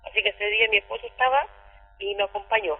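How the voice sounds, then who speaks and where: Middle-aged Chilean woman on a phone call, gravelly and husky, halting emotional testimony, tinny line with a long echo. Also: medium pitch, fairly even intonation, soft background music. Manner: halting, repeats herself, tearful retelling. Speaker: caller recounting abuse. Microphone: telephone.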